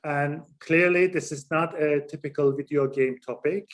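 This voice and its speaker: A man's voice: fairly high pitch, steady tone, normal speed. A man moderating a panel discussion over a video call, courteous and a little hesitant, with fillers.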